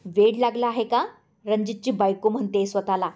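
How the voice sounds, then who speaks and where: A woman's voice: mid-range voice, steady tone, natural voice. A woman reading a story aloud, voicing a scornful, scheming middle-aged woman who speaks sharply and in a hurry. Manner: sharp, mocking and hurried. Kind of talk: audiobook character voice.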